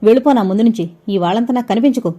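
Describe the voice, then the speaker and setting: A stern young elder sister with a sharp, scolding tongue, put on by a woman reading a storybook aloud. The voice sits mellow and dark rather than bright, and the recording sounds dull and lo-fi. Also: on the high side, racing, natural voice.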